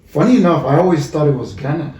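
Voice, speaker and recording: A Cameroonian podcast host with a fairly high, slightly mellow voice speaks fast with lively intonation in a casual interview. He's enthusiastic and affirming, often replying "yeah," and the mic sounds distant and roomy.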